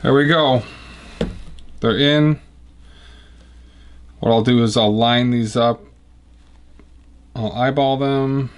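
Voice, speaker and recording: A man's voice: mid-range voice, slow, pauses often, a little hiss or hum. A man with a Chicago accent, a guitar builder casually explaining his work step by step in a workshop. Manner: relaxed, matter-of-fact explaining while working. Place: woodworking shop.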